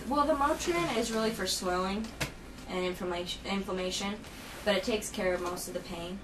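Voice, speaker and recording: A woman's voice: mid-range voice, fairly quick. A woman working as a dental assistant, explaining aftercare instructions conversationally, step by step, and checking that she is understood. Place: indoor clinic treatment room. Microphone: camera held by another person, at a distance. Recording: noisy room, distant camera microphone.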